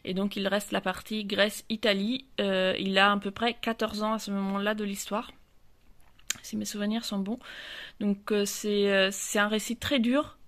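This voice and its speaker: A woman's voice: mid-range voice, little pitch movement, moderate pace, fairly bright tone. A woman chatting casually about her books in a vlog, hesitant, with many fillers and restarts. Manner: talks with her hands. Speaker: book vlogger. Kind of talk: casual chat. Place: outdoor terrace.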